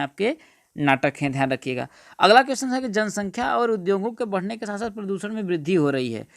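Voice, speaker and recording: A man's voice: sits high, no echo, clean studio sound. Man teaching a Hindi grammar lesson. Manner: repetitive, keeps asking "what is it, friends?".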